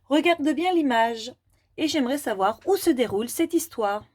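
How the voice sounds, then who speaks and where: A woman teacher giving a children's reading lesson, talking slowly and deliberately and repeating syllables clearly. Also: sits high, animated, a little mellow.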